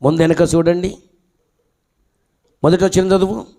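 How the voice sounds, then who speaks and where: A high-voiced male pastor preaches in a church. He talks in an animated way, calls out questions and waits for the congregation to reply. His voice goes through a handheld mic. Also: moderate pace, vocal fry. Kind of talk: sermon.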